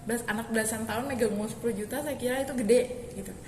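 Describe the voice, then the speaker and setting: A young woman tells her story in a casual interview, her somewhat high voice rambling along with restarts. She sounds like she is in a reverberant hall, with clear background noise. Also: rapid-fire. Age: young adult. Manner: rambling, with many restarts and fillers.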